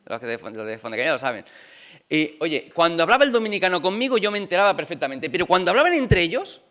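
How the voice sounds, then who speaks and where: A man's voice: fairly high pitch, very animated, quick pace, a bit bright. A man from preaching a conversational sermon in a church, chatty and full of rhetorical questions to the congregation. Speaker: pastor.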